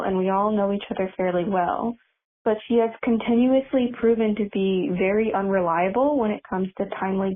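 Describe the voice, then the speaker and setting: A woman calls in and leaves a voicemail asking for advice. She talks politely and with some hesitation, filling pauses with ums, at an ordinary pitch for a woman. Her voice comes through thin and tinny over a phone line. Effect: heard over a phone line. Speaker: caller leaving a voicemail.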